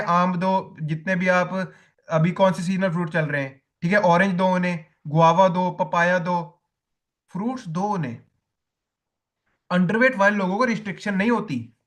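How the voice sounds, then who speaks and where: Male coach, high voice, repetitive classroom teaching style. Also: a bit bright. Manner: repetitive, tells listeners to write points down. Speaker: diet coach. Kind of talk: spoken lesson to coaches.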